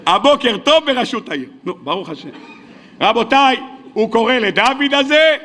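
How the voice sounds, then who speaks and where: A man's voice: very high voice, expressive, bright, forceful tone. A male rabbi gives a sermon. He tells stories animatedly, acts out the dialogue and puts questions to his listeners. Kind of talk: sermon with storytelling. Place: weekly sermon hall.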